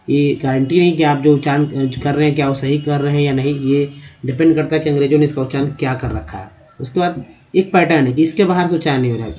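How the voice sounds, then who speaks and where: A man teaching English reading in Hindi. He spells words out letter by letter, sounds them slowly and calls his viewers friends. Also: fairly high pitch, darkish tone, muffled recording.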